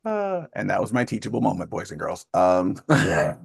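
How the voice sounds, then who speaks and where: A man hosting a group video call, talking fast in a casual way and laughing often. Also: low voice, sing-song, vocal fry, husky, no echo, studio quality. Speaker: call host.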